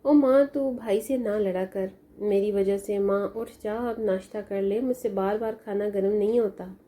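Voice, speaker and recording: A woman voicing a sad, lonely young woman who pleads softly as she grieves for her mother in a storybook tale. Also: medium pitch, steady tone, measured pace, lightly acted. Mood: sorrowful. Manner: plaintive, pleading.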